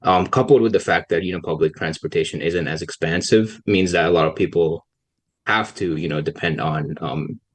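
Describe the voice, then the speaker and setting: In a laid-back podcast chat, a young man from Pakistan who researches policy responds softly and with hesitation, leaving frequent pauses. His voice sits low.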